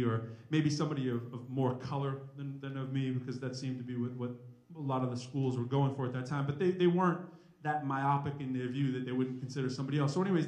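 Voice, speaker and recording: An energetic man in his forties speaking to a live audience as a rapper and professor, in a conversational, informal way. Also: mid-range voice. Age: 40s. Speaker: rapper and mathematics professor giving a talk. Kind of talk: informal live talk with spoken-word rap. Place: indoor live event at a college. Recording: roomy, echoing live event recording.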